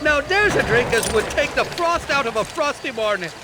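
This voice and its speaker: An actor playing a roguish, boastful Irish drifter in a Western video game, with an Irish accent and a colourful, theatrical way of talking. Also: male voice, extremely high pitch, animated, moderate pace, very noisy. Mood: boastful, wistful. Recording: loud music and game sounds behind.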